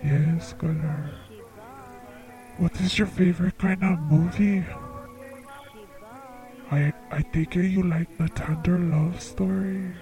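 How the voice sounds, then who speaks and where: A man hosting a comedic call-in show as a psychic, speaking in a slow, soft-spoken, earnest way. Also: high voice, fairly even intonation, music in the background, low-quality recording. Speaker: psychic radio show host.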